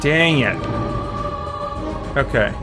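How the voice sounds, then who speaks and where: A man with a mid-range voice chats casually while streaming a game, animated yet extremely slow. He reads on-screen text aloud and mutters mild exclamations to himself over the game music.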